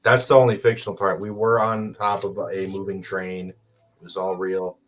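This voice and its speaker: A young male musician guest with a low-pitched voice. He talks on a podcast in a dry, matter-of-fact way and jokes with a straight delivery. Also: flat delivery, moderate pace, fairly bright tone. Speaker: beatboxer and guitarist guest. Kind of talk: casual podcast chat.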